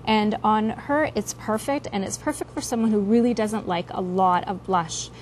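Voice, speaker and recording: Woman, home shopping expert guest, medium pitch, conversational advice, explanatory, run-on phrasing, noisy ambience. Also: moderate pace. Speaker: guest makeup expert presenting her own product line on home shopping.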